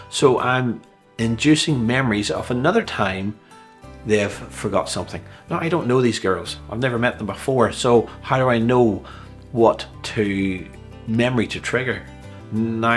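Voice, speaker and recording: A man presenting a hypnosis tutorial conversationally, with examples and rhetorical questions. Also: on the low side. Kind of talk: explanatory tutorial to viewer. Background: guitar music.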